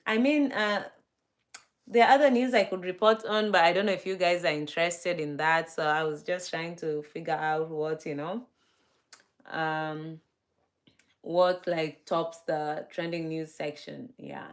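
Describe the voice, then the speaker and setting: A woman with a Kenyan accent hosts a casual livestream, reading viewer comments and greeting viewers in an easy, chatty way full of fillers and restarts. Her voice is low-pitched, her tone steady and unhurried.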